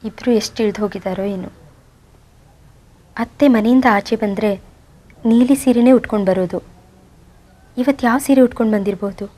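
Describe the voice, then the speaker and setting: A devoted young wife in a televised drama, played by an actress, her voice high and bright. She talks earnestly and pleadingly to her husband. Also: moderate pace, pauses often, lightly acted. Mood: wistful. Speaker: wife searching for her in-laws. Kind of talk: TV serial acting.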